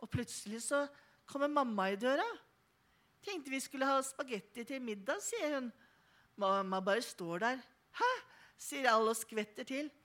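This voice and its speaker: A woman reading a children's book aloud in an expressive, playful storytelling manner. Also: sits high. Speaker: reader.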